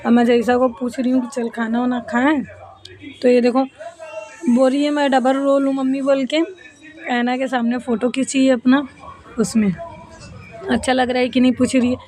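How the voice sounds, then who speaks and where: Woman, 30s, high voice, casual home vlog, chatty, friendly to viewers. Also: little pitch movement, normal speed, long pauses, mellow. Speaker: family vlogger.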